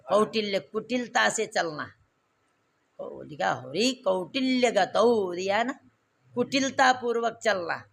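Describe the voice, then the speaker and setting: A man's voice: sits high, gravelly, fairly bright tone. A man teaching Sanskrit grammar to a class, repeating verb forms and quizzing students with questions.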